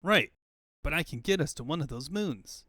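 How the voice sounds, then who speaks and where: Dude voicing a cocky young hedgehog hero, breezy slang, bouncy pitch, cartoon fandub. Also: male voice, lively intonation, moderate pace, pushed and bright, no echo, clean studio sound. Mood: determined. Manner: breezy surfer-style slang. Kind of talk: comic book fandub acting.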